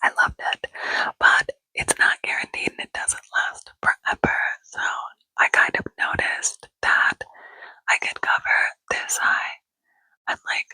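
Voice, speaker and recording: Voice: unhurried, sharp tone, no room sound, rough recording. An ASMR creator in a rambling, chatty whisper with many fillers, speaking close to a microphone held near the mouth, seated indoors. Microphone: close mic held near the mouth.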